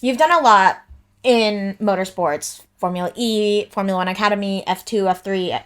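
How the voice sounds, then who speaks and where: A woman hosting a podcast interview, asking questions in a chatty way with quick asides. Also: mid-range voice, smooth. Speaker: podcast host. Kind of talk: casual interview.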